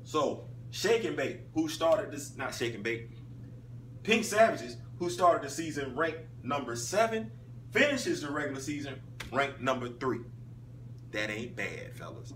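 This casual sports recap comes from a man in his thirties covering his flag football league, his pitch swinging widely at a measured pace as he moves between loud call-outs and low asides. He speaks emphatically in a small indoor room before a wall poster, recorded on a phone at arm's length with slightly distant sound and a faint hum.

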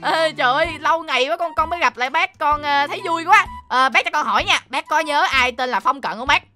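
Excitable woman, fast and high. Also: soft background music. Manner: excitable, exclamatory, chatty. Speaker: host. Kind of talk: game role-play with narration to viewers.

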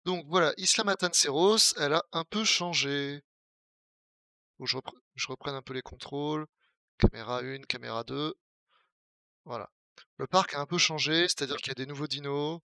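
A man's voice: mid-range voice, moderate pace, long pauses, sharp tone, no room sound, clean studio sound. A young man from the Paris region with a Parisian French accent, talking casually as a Twitch streamer while playing a game, joking and answering his chat. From Paris region, France.

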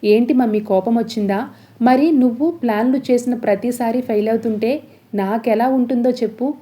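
Sarcastic young son, taunting, mellow soft voice, a woman reading his lines. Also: a little high, moderate pace, lightly acted. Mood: mocking. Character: mocking young adult son.

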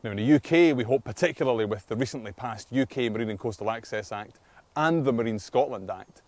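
A man's voice: medium pitch, a little fast, darkish tone, no room sound. A man in his thirties giving a prepared, explanatory conservation statement to camera. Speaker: conservation spokesman. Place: open meadow, outdoors.

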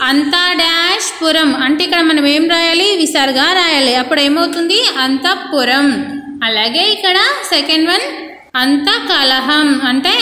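A woman schoolteacher giving a lesson to young children, slowly drilling syllables in a sing-song way and quizzing them. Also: high voice, bright, forceful tone. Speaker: school teacher. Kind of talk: recorded lesson for young pupils. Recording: echoey room, faint noise.

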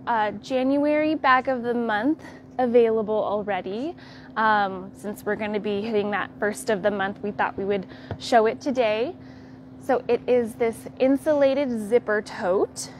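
A young woman with an American accent hosting a live tour of a quilt fabric shop, walking the aisles and showing products in a friendly, unhurried way. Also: mid-range voice, slight background noise. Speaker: quilt shop staff host.

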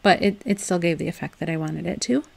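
A woman's voice: fairly low pitch, fast, gravelly, husky. A young woman chatting through a home craft tutorial in a casual, upbeat voice-over. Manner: chatty and upbeat, with soft laughs and loose restarts. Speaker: DIY home decor vlogger.

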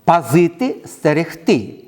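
A man's voice: fairly high pitch, sing-song, moderate pace, a little mellow. A middle-aged man with a Ukrainian accent giving a lecture, listing words one by one and explaining each, with frequent hesitation sounds. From southern Ukraine. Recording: long reverb in the room.

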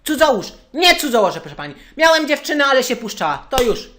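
A man's voice: extremely high pitch, sing-song, fast talker, sharp tone, slight background noise, full character voice. A man voicing a hot-tempered young male churchgoer in a prank phone call, ranting and repeating the same phrase of address.

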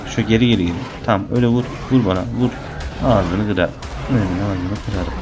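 A young man casually narrating his own gameplay, chatty and teasing the creatures on screen, getting excited during fights. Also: on the low side, brisk, background noise. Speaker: gaming channel host. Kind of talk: casual let's-play commentary.

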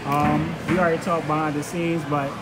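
A man's voice: a little high, little pitch movement, fairly quick. A man in his forties hosting a casual interview with a jokey, hype, street-slang manner. He speaks into a phone in a large indoor food court. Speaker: interview host. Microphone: phone camera. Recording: busy hall, loud background noise.

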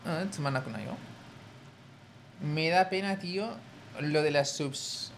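A man's voice: a little high, unhurried, vocal fry, fairly bright tone, a little hiss or hum. A young man from Spain with a Spanish accent, chatting casually with his viewers on a live stream. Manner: chatty, addresses chat as tío.

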